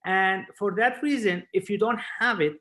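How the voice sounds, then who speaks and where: Explaining haltingly in non-native English, a Spanish man who lectures in surgery repeats words during an informal expert webinar heard through a video call. He has a high voice with a sharp tone.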